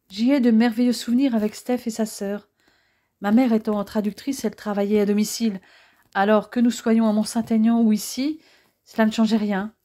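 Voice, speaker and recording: A woman's voice: on the high side, warm tone, natural voice. A woman reading a romantic young man.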